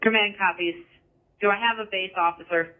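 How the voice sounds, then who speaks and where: Male incident commander, high-pitched, urgent and procedural firefighter radio calls through a thin scanner channel. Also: steady tone, a little fast. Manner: clipped, procedural. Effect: two-way radio. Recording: tinny, narrow-band radio scanner feed.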